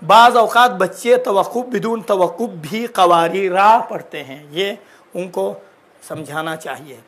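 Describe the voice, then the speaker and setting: A man's voice: high voice, fairly bright tone. A man teaching Quran recitation in a religious lesson, explaining patiently and drawing out syllables to demonstrate. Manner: drawn-out demonstration of syllables and words; explaining, repeating examples patiently.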